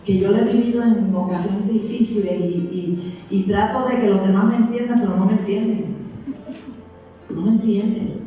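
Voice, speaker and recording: Woman pastor, earnest sermon, mellow voice, roomy church echo, heard from a distance, faint music behind. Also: medium pitch, fairly even intonation, normal speed. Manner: earnest, personal storytelling; addresses listeners as brother. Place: church sanctuary with congregation. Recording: echoey hall from far off, faint music.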